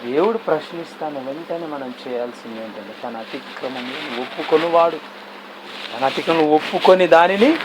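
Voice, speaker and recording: A man's voice: fairly high pitch, background noise. A male pastor preaching a sermon who mixes English words into his talk and often asks his listeners questions.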